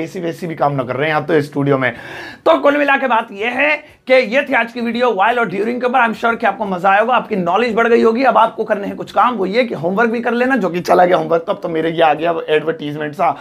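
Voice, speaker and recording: A man from India teaches English grammar in a relaxed, chatty way from a studio. His voice sits high and carries a gravelly rasp. He calls his students brother and slows down to lay out each English example. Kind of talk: casual Hindi lesson on English grammar.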